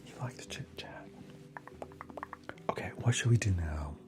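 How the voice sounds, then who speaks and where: Male ASMR streamer, low whisper, chatty and casual, reads comments aloud, steady music bed underneath. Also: measured pace. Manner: chatty, answers viewer comments aloud between snacks. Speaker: ASMR livestream host. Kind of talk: whispered ASMR livestream chat.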